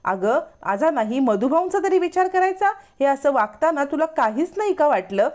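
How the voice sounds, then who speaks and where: A woman voicing an older woman who angrily scolds a young couple, accusing and rapid. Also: high-pitched, very animated, darkish tone, pitched above the performer's own voice. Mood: angry.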